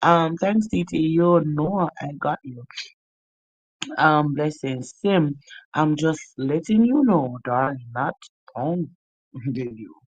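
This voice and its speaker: A woman's voice: deep voice, expressive, takes it slowly, no room sound, low-quality recording. A woman hosting a live stream in casual chat, teasing her viewers and laughing often. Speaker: livestream host.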